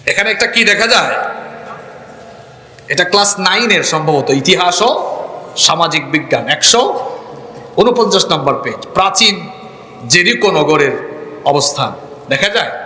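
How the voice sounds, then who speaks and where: A man preaching a fiery sermon, sliding from low, measured explanation into loud, shouted outbursts. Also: expressive, reverberant, a little hiss or hum. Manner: shouts and rises sharply in pitch when angry.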